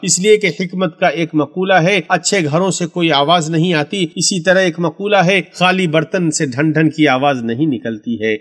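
A man reading a Friday sermon translation aloud in a measured, formal way, his voice dropping at the ends of sentences. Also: fairly high pitch.

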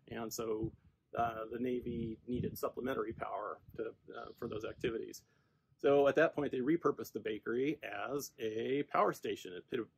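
Older man, gravelly unhurried explainer. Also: medium pitch, slight background noise, rough recording. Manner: unhurried, halting with many fillers. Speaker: local history volunteer. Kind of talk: relaxed outdoor explanation.

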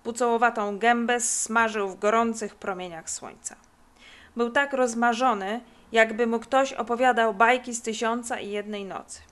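A woman narrating a children's book in a lively, expressive way. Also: fairly high pitch, normal speed. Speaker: audiobook reader.

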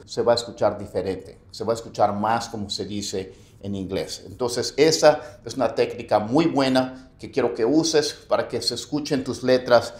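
A man giving a casual video lesson on English pronunciation, animated, saying sample words first wrong and then right. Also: medium pitch, roomy sound.

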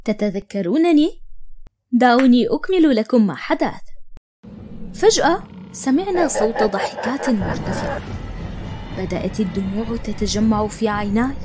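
A woman narrating a first-person cartoon story in standard Arabic, with even, measured storybook delivery. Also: on the high side, very noisy.

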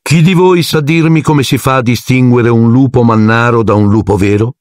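A man's voice: medium pitch, moderate pace, no room sound, clean studio sound, voice pushed up, natural voice. A man voicing a cold, sneering male teacher who speaks with icy, silky menace in an audiobook. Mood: icy contempt.

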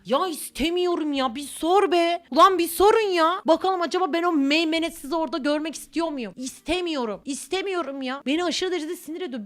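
A young woman YouTuber ranting casually to camera about what annoys her, exasperated and prone to sudden loud outbursts. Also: sits high.

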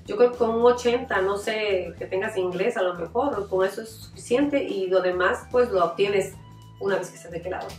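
A woman's voice: mid-range voice, moderate pace. A middle-aged woman, a mother giving heartfelt, reflective interview testimony with frequent restarts. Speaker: mother of a former camp participant. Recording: echoey room, mic at a distance, faint music.

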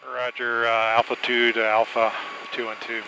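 A man's voice: medium pitch, monotone, moderate pace. An older man talking over a pilot headset in a small plane cockpit, making radio calls and talking to himself. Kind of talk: aviation radio calls and cockpit self-talk. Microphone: pilot headset microphone. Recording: loud engine noise, pilot headset intercom.

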